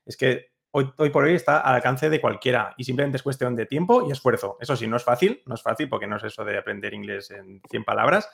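Man, quick talker, gravelly voice, emphatic, repeats himself. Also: mid-range voice, a bit bright. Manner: emphatic, repeats points for effect. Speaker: co-creator of an English-learning method, guest. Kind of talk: conversational interview.

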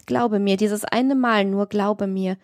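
A woman's voice: mid-range voice, steady tone, takes it slowly, dry recording, clean studio sound. A woman voicing an imploring young man in a passionate love scene of an audiobook. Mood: pleading. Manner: fervent, imploring. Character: passionate pleading young male lover.

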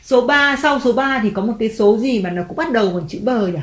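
A woman's voice: on the high side, expressive. Encouraging mother, echoey room. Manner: patient, encouraging, drawn-out spelling. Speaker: mother teaching her child. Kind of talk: home reading lesson for a child. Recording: echoey room, faint background music.

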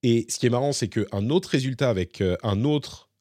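A man's voice: medium pitch, moderate pace, darkish tone, no room sound, clean studio sound. A man hosting a casual tech podcast, chatty and explaining demos to listeners. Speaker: podcast host.

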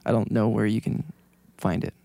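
A man co-hosting a casual church-staff podcast, joking in a deadpan way. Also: on the low side, normal speed, vocal fry, no echo, studio quality. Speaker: podcast co-host, church lighting person. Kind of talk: casual chat.

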